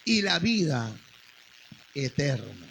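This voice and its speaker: A pastor delivers a Bible study sermon in a high, animated voice that climbs into emphatic declarations and drops to quiet questions for the congregation. He speaks slowly and deliberately, with a bright, forceful tone, over a faint background ambience. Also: creaky, a little hiss or hum, rough recording.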